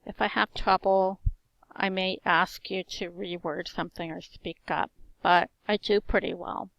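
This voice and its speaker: The recording is muffled and echo-free: a woman in her forties, a teacher, introduces herself a little slowly in a fairly low voice with vocal fry. Her voice is strong and carries, her S sounds slur slightly, and she lists things in short, even phrases.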